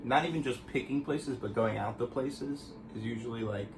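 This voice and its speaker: A man's voice: medium pitch, normal speed, over music, low-quality recording. A young man chatting casually as a guest on his girlfriend's vlog, laid-back and rambling, with restarts. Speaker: boyfriend guest. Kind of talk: casual chat.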